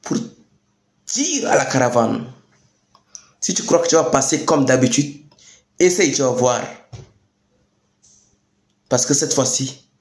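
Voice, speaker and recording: A young man speaks in an echoey space with a Chadian French accent. He delivers a rousing political address, deliberate and emphatic. He leans on repetition and rhetorical questions to drive his words home. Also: medium pitch, animated. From Chad. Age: young adult. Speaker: youth activist speaker. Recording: echoey room sound.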